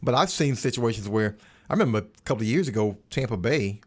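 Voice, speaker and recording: A man with a medium-pitched voice talks fast and animatedly as a panelist on a casual sports roundtable podcast. He's emphatic, repeating words to stress his points.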